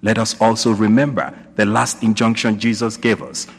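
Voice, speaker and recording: A priest's sermon echoes through a large cathedral's long reverb. His voice is fairly low with a breathy edge, level in tone and at normal speed, while he asks rising questions and repeats points for emphasis.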